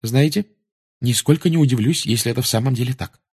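A man's voice: medium pitch, fast talker, a little mellow, breathy edge, voice pushed up. A man reading aloud and voicing a clever, anxious, bossy schoolgirl witch in a storybook reading.

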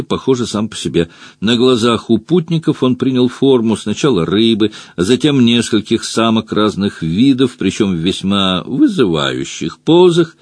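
Male narrator for a fantasy audiobook: animated, expressive delivery, close and dry. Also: no echo. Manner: expressive reading, pitch rising and dropping with the story. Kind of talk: scripted narration of a fantasy novel.

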